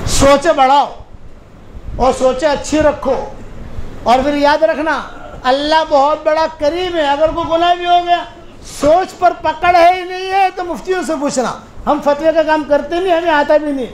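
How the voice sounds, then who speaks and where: A male preacher with a notably high voice delivers a storytelling sermon, speaking plainly and circling back to repeat his key phrases. The sound is roomy and echoing, with faint traffic noise underneath. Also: fairly even intonation. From India.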